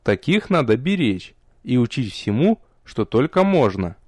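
A man narrating a first-person fantasy audiobook with a lively, expressive reading. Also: medium pitch, measured pace, no echo.

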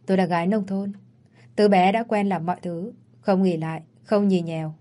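A woman's voice: mid-range voice, fairly even intonation, normal speed, dark tone, lightly acted. A woman voicing a blunt, defiant pregnant young country wife in an audio story. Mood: plain.

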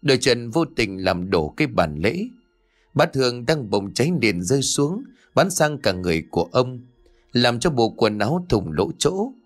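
A man's voice: medium pitch, sing-song, moderate pace. A man narrating a ghost story in a dramatic, scripted storytelling manner. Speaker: audiobook narrator. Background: faint music.

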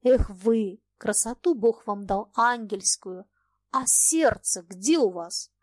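Audiobook figure: woman voicing a gruff young merchant, reproachful, dry close recording. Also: mid-range voice, expressive, slow pace, darkish tone, dry recording. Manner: reproachful, plain-spoken. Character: young merchant man, blunt, agitated. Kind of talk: audiobook dialogue.

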